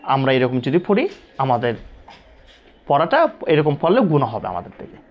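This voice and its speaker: A man teaching Quran recitation, drilling letter sounds slowly and repeating each one many times. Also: mid-range voice, wildly swooping pitch, muffled recording.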